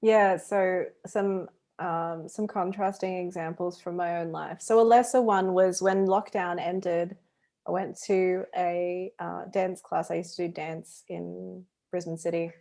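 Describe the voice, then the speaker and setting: A woman's voice: lowish voice, steady tone, a little slow, gravelly, mellow. A woman co-hosting a podcast, talking in a casual, chatty way with fillers. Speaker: podcast co-host. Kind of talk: casual chat.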